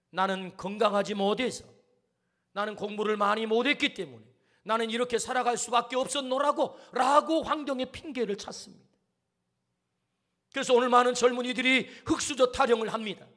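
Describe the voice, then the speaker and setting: High-voiced preaching man. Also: a bit bright. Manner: emphatic, with rhetorical questions and calls for amen. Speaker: pastor. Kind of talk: sermon.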